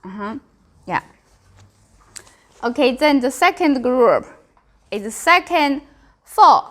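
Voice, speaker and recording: A woman language teacher with a Chinese accent and a fairly high voice leads beginners in practicing tones. She speaks very slowly, modelling syllables with exaggerated pitch and giving short prompts and corrections. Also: very animated.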